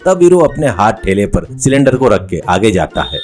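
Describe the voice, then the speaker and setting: A man narrating a comic moral story in a steady, plain storytelling manner. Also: lowish voice, normal speed. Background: faint music.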